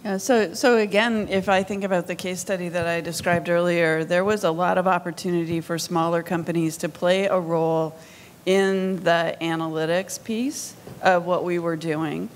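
A woman in her fifties speaks thoughtfully and plainly through a handheld mic on a conference stage. Her voice sits on the lower side for a woman, with a faint rumble behind it. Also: steady tone, moderate pace. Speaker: panelist, industry executive. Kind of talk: conference panel discussion. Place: large conference hall stage. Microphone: handheld microphone.

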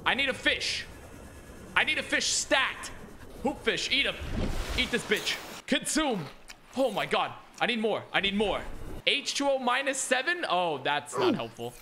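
A young man streaming a game, excitable and constantly swearing and exclaiming. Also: high-pitched, measured pace, a little hiss or hum. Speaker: gaming streamer. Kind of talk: casual game commentary.

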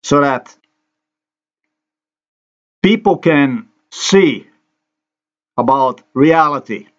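A man's voice: a little high, expressive, extremely slow, dull audio. Ranting man from Slovenia. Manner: ranting, accusatory, repetitive. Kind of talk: angry monologue over screen recording. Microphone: voice-over on screen recording.

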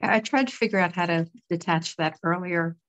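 A woman's voice: lowish voice, normal speed, muffled recording, a little hiss or hum. A woman cohosting a cooking demonstration, asking questions and praising the food. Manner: encouraging, asks questions, admiring remarks. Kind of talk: casual cooking show chat.

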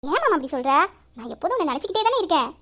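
Brief: a woman voicing a high, fast-talking teasing girlfriend for a romantic audio drama, playful and coaxing. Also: big pitch swings, fairly bright tone. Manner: coaxing, teasing, quick banter.

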